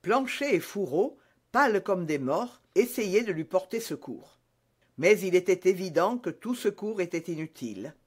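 A man reading a classic novel aloud as an easy-reading audiobook, clear and deliberate. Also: sits high, lively intonation. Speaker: narrator.

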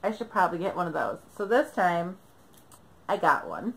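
A woman's voice: on the low side, very animated, moderate pace, gravelly, a bit bright, rough recording. A young woman chatting to camera at home, recapping a trip, chatty with frequent laughs and fillers. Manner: chatty, laughs often, many ums. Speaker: knitting vlogger. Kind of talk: casual chat to camera. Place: bedroom, indoors.

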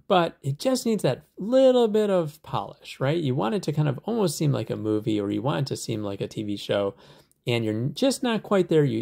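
A man hosting a software tutorial, explaining steps in a relaxed, conversational way with lots of fillers. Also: fairly low pitch, vocal fry. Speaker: tutorial host.

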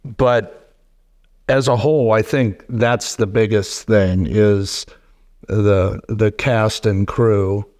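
Middle-aged man hosting a podcast, halting. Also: fairly low pitch, fairly even intonation, darkish tone. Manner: halting, many fillers and restarts. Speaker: podcast host. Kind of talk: casual podcast interview. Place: wood-paneled studio set. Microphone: boom mic on desk stand.

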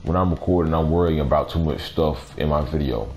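A young man with a raspy voice doing casual, slangy, playfully complaining commentary over a video game. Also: extremely low pitch, brisk, darkish tone. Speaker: gaming video host. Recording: noisy track with game sounds behind. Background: video game audio.

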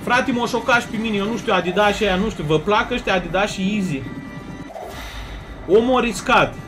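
Excitable high-voiced male streamer over music. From Romania. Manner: loud, excitable, greets chatters rapidly. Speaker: slots streamer. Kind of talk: casual live-stream chat.

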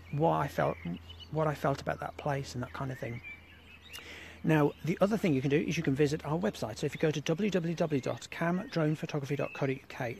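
A man's voice: a little high, vocal fry, darkish tone, slight background noise, poor audio. A man hosting a live outdoor broadcast, talking casually and rambling with restarts and repeated fillers. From England. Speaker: host of a live exploring broadcast. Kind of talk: casual live-stream monologue. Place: outdoors at an abandoned rail site.

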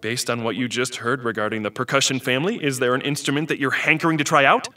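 A man's voice: mid-range voice, fast talker, bright, forceful tone, close to an everyday voice. A man voicing an eccentric, outdated male computer who chats, jokes and laughs at his own puns while guiding kids through instruments. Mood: cheerful. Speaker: instrument selection guide. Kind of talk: scripted educational character. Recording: distant voice over music. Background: music.

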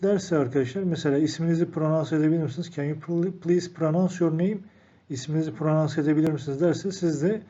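A man teaching an English lesson, reading each phrase out and then explaining it calmly to the viewers he calls friends. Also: a little high. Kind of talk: recorded language lesson. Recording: dull lo-fi recording.

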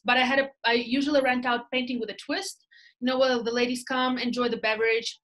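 With a crisp, bright, fairly high voice and a slightly fast pace, a woman in her thirties with a Russian accent talks as a guest in a casual interview chat. She leads a real estate team and tells animated stories, gesturing and ending lines with "right?" The call comes through a laptop webcam from a small room indoors.

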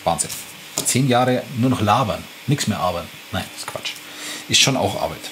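A man's voice: lowish voice, expressive, moderate pace. A man in his thirties chatting casually to camera from his home workshop, rambling with self-mocking asides. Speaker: 3D printing channel host. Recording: faint printer noise in room. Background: faint 3D printer hum.

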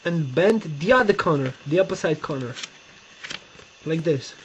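Seated on his bed at home, a young Romanian man whose first language is Romanian demonstrates folding step by step, pausing as he searches for words. His Romanian-accented voice sits on the high side with lively intonation. The close-up webcam recording sounds dull and lo-fi, with faint hiss.

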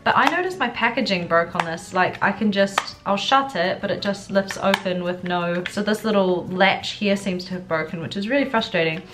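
A young woman beauty vlogger, congested with a cold and feeling groggy and unwell, films a chatty get-ready-with-me makeup tutorial in her furnished living room at home. Her mid-range voice moves at a moderate pace with few pauses, against a noisy background with music.

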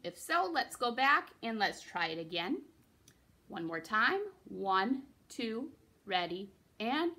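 A woman's voice: mid-range voice, very animated, slow pace, pushed and bright. A young woman giving a recorder lesson for children, patiently explaining and encouraging, counting her students in. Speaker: music teacher.

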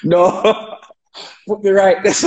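A man with a Jamaican accent chatting on a phone livestream, telling animated stories, laughing and acting out dialogue. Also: sits high, muffled recording. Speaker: dancehall artist on a live stream. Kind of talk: casual chat on a livestream.

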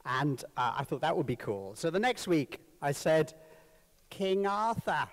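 A man with a Sri Lankan accent giving a humorous, anecdotal talk as an author, with wry storytelling and pauses before punchlines. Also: on the high side, animated. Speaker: author speaking at a conference. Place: large hall, live talk to an audience. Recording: very echoey hall with long reverb.

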